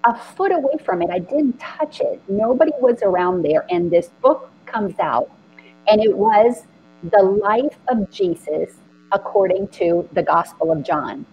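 A middle-aged woman from the Dominican Republic, hosting a spiritual conversation and telling her story with earnest, animated feeling. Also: mid-range voice, unhurried, slightly rough, muffled recording.

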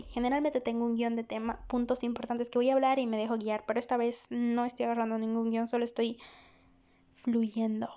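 A woman's voice: a little high, dark tone. Chatty woman psychologist, laughing. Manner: chatty, candid, laughs often. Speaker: psychologist, podcast host. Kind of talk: casual podcast monologue. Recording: dull lo-fi recording.

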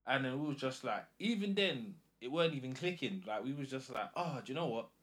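A man with a London roadman accent tells an animated story in a casual, slangy way, acting out the quoted dialogue himself. His voice is mid-range and his pace a little fast.

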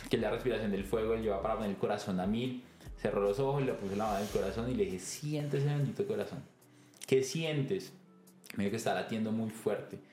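A man with a low voice hosts a podcast conversation. He tells stories with energy and acts out bits of dialogue along the way. The echoey room carries his voice around it. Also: very fast, soft background music. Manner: animated storytelling, acting out dialogue. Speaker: podcast host.

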